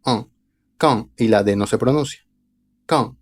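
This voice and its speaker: A man teaching a language lesson online, reading example phrases slowly and carefully before explaining them. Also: lowish voice, darkish tone, faint music behind. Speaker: French teacher.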